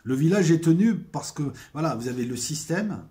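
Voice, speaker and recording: A man talking to his viewers in a casual spoken monologue, hesitant, with many fillers and restarts, and getting louder on the points he stresses. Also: on the high side, animated, moderate pace. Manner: emphatic, swelling loudness on key points. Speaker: video essayist.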